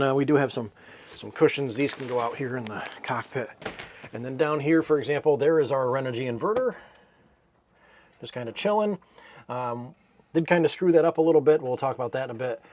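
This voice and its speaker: A man's voice: mid-range voice, darkish tone. A man giving a casual, rambling walkthrough of his sailboat's cabin, with fillers and self-corrections. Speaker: sailboat owner giving a tour.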